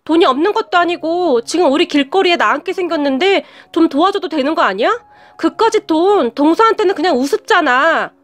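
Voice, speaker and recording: A woman's voice: very high-pitched, lively intonation, fairly quick. A woman doing a pushy, whiny sister-in-law. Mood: whining, demanding. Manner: pushy, irritated.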